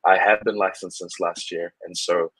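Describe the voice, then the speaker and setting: A young man speaking over a video call in a very low, slightly husky voice. He talks as a guest immigration adviser in a loose, conversational way, full of fillers and restarts. The sound is dry and close. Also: normal speed, no echo, rough recording. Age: young adult. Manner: relaxed, many fillers and restarts. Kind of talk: casual online interview.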